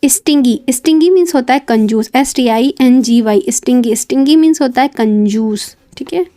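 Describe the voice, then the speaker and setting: At normal speed, a woman with a high, mellow voice teaches vocabulary, spelling out English words letter by letter and restating every meaning. Between words she adds brief fillers and checks.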